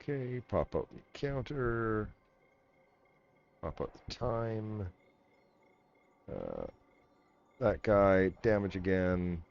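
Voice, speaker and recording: A man running a tabletop game online as game master, matter-of-fact and talking through the software as he goes. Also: on the low side, very animated, extremely slow, vocal fry, pauses often, muffled recording.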